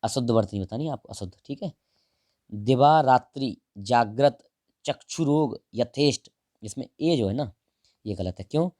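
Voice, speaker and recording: In this answer-key walkthrough for exam prep, a man with a medium-pitched, dark voice and lively intonation goes over each option in turn. He's casual and direct, addresses the listener as brother, and draws words out slowly as he writes, all captured in clean studio sound with no echo.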